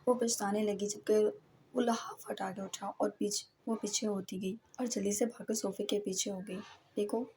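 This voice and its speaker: A woman narrating a romance audio novel in steady storytelling style. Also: medium pitch, moderate pace, a little hiss or hum.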